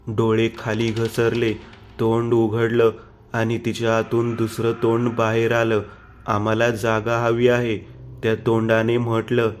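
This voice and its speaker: A man narrating a scripted horror story in a slow, flat and ominous way. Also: mid-range voice, slight background noise.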